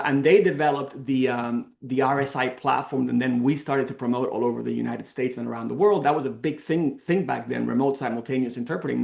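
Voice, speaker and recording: Middle aged guy from the canary islands, gravelly voice, lots of restarts, echoey room. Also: medium pitch. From Canary Islands, Spain. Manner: warm storytelling with frequent restarts and fillers. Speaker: company founder and CEO. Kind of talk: casual presentation on a video call.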